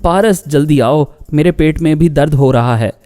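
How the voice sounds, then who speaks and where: A man's voice: medium pitch, lively intonation, normal speed, warm tone, soft background music, natural voice. A man voicing a proud, jealous young woman who talks insistently and indignantly.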